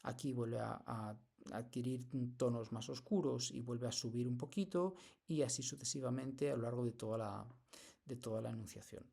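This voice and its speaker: A man lecturing in a screen-recorded software tutorial, explaining step by step with frequent hesitations and restarts. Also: medium pitch, moderate pace, gravelly, husky.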